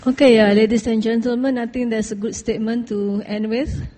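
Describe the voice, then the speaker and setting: A woman's voice: a little high, little pitch movement, a little fast, dark tone, long reverb tail. A woman chairing a conference session, closing it with formal, courteous thanks. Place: conference hall.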